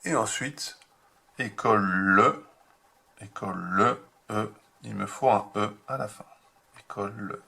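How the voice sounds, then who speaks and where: A man teaching a remote handwriting lesson to young children, slow and patient, spelling out each step. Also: on the low side, creaky, pushed and bright, breathy edge. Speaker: kindergarten teacher.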